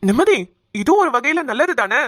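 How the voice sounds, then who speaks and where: A woman voicing a calm young man in a cartoon, explaining things in a soothing way. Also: sits high, moderate pace, no echo, clean studio sound. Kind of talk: cartoon voice acting.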